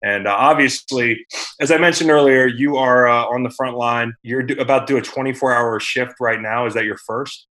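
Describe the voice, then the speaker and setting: A man's voice: mid-range voice, normal speed, bright, forceful tone. A man in his thirties hosting a podcast interview, talking in a conversational, admiring way with plenty of fillers. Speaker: podcast host. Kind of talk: casual interview chat.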